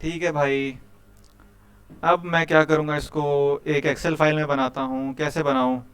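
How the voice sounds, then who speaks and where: A man's voice: on the high side, little pitch movement, measured pace, fairly bright tone, clear, resonant tone. Chatty Hindi-speaking coding teacher, man. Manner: chatty, quizzes students, keeps saying "bhai". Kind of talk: live coding class with students.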